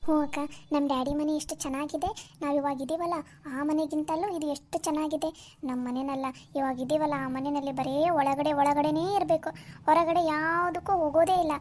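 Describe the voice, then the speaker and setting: A woman plays a sweet little cartoon girl who chatters to her father in a childlike, pleading way. The voice is very high and piping. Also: fairly even intonation, moderate pace, a little mellow, slight background noise, close to an everyday voice. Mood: excited. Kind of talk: Kannada cartoon voice acting.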